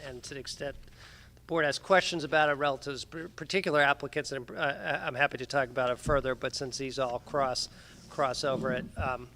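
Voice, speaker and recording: A man speaking as an attorney, giving a measured, procedural legal presentation to a town board at a public meeting. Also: medium pitch, bright, forceful tone, a little hiss or hum. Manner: measured, procedural, many fillers. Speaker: attorney for applicants. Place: town hall meeting room.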